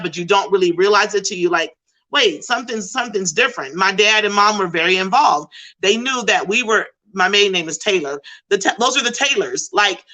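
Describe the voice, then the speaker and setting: Woman, middle-aged, bright voice, animated, emphatic storyteller. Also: medium pitch, low-quality recording. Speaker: behavioral support intervention specialist. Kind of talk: panel discussion.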